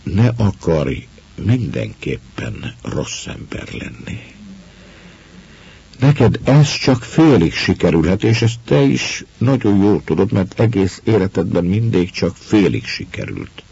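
A man reading aloud as a calm, knowing woman of the wilds who teases and turns grave. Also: low voice, vocal fry, husky, no echo, muffled recording, voice pushed up, heavily acted. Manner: teasing, then grave.

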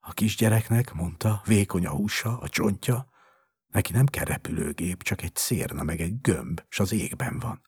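A man's voice: low-pitched, darkish tone, breathy edge, no echo, clean studio sound. A man voicing a worried poet father who speaks in an agitated, emphatic way in a storybook reading. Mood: exasperated.

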